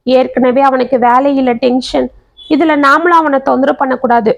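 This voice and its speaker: ஒரு பெண் கதைசொல்லி, பொறுமையான விதவைத் தாயின் குரலில் மென்மையாகக் கெஞ்சிப் பேசுகிறார். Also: female voice, sits high, steady tone, normal speed, gravelly, lo-fi sound. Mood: pleading. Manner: pleading, gentle. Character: patient widowed mother, pleading and tearful.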